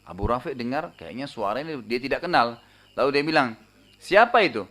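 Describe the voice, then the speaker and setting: A male Islamic preacher retells a story during a sermon, lively and brisk at a medium pitch. He often tags his lines with a casual filler and raises his voice for the shouts in the story.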